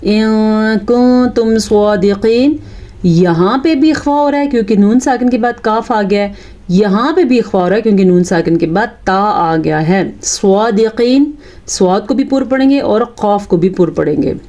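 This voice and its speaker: A woman with a Pakistani Urdu accent teaches Quran recitation, her voice mellow and warm at a middling pitch. She chants each verse slowly, then explains the pronunciation rules in a patient, corrective tone. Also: animated, muffled recording. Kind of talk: tajweed lesson.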